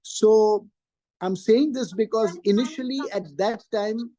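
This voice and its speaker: A man's voice: sits high, measured pace, mellow. A man, answering interview questions emphatically and repeating his key phrases. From Pakistan. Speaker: interview guest, trainer and career coach.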